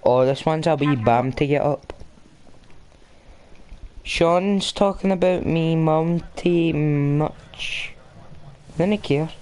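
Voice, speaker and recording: A Scottish-accented streamer banters casually while gaming on a livestream, teasing cheekily in slang. The mid-range voice is a little mellow, slow-paced, with frequent pauses.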